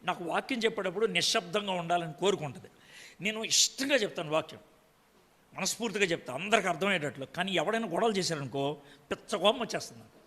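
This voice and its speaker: High-pitched preacher in a reverberant hall. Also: male voice, lively intonation, fast talker, sharp tone. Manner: rhetorical questions to the congregation, scolding. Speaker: pastor. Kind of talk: sermon.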